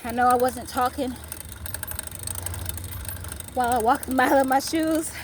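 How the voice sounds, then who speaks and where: A woman's voice: high-pitched, steady tone, moderate pace, a little hiss or hum. A woman vlogging casually while riding a bike up hills outdoors, out of breath and laughing between playful exclamations. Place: outdoors on a bike on hilly roads.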